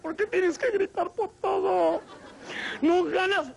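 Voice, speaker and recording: Shrill nagging Mexican mom, done by a man. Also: slow, gravelly, a little hiss or hum, heavily acted. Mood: scolding. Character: shrill fed-up mother scolding her husband.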